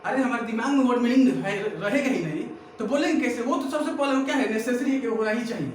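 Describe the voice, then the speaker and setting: A very high-pitched man runs a pronunciation drill, saying each word over and over and firing back "what?" after it. He is recorded from a distance in a very echoey room, with faint noise underneath. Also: fast talker. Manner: drills words by repetition, keeps asking "what?". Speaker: English teacher.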